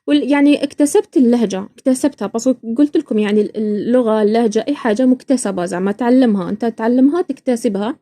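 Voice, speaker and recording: Fast-talking woman from Iraq. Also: on the high side, warm tone, no echo. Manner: chatty, quick, often breaking off and restarting words. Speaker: podcast host. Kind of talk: casual spoken monologue.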